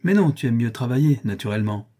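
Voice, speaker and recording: A man's voice: mid-range voice, lively intonation, fast talker, mellow, natural voice. A man voicing a cunning boy who talks in a coaxing, mock-casual way in an audiobook reading. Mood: sly. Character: cunning boy, sly and nonchalant.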